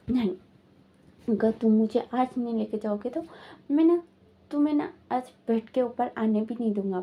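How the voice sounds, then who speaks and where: A woman's voice: on the high side, dull audio. A woman casually retelling a romantic fan fiction, rambling along with many repeated fillers. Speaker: storyteller.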